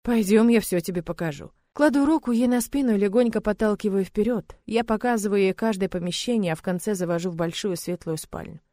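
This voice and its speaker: A woman reading a novel aloud in scripted first-person narration, steady and even. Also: mid-range voice, fast talker, few pauses, dry recording, clean studio sound. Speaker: audiobook narrator.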